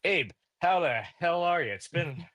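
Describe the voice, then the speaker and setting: A man's voice: on the low side, moderate pace, fairly bright tone, no echo, close to an everyday voice. A man voicing a friendly, easygoing brother-in-law in a tabletop game, rambling with many fillers. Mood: jovial. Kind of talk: in-character tabletop role-play.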